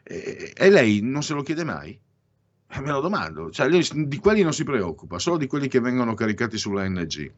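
A man's voice: medium pitch, big pitch swings, a little fast, no echo, highs cut off. A man hosting a daily anniversaries segment, talking in a digressive way with frequent restarts, self-corrections and ironic asides. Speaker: radio or podcast host reading daily anniversaries. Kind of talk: casual spoken commentary with opinions.

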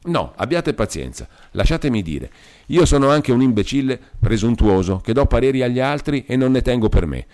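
A man voicing a distraught middle-aged clerk who shouts in anguished outbursts against himself. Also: mid-range voice, big pitch swings, brisk, voice pushed up, natural voice. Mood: vengeful.

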